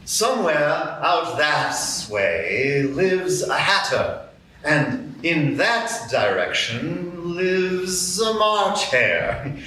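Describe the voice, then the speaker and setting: A man playing a grinning, mischievous cat who drawls his riddles very slowly, his voice rising and falling in lively swoops. He sounds like a radio play on a live stage, caught by distant mics in a very echoey room. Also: fairly high pitch, a little hiss or hum, exaggerated voice. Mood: teasing. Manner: slow, teasing, riddling drawl.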